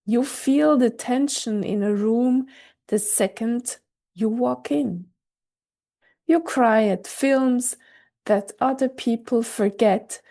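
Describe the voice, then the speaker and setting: Slow, soft-toned woman podcaster. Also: a little high. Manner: slow, gentle, reassuring delivery. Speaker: podcast host. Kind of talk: scripted reflective monologue. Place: recorded in Switzerland.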